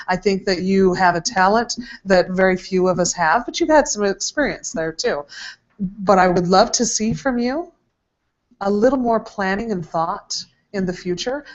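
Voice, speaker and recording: A woman teacher questioning a student in front of a group, teasing yet encouraging, with frequent fillers. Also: medium pitch. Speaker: camp teacher. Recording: dull lo-fi recording.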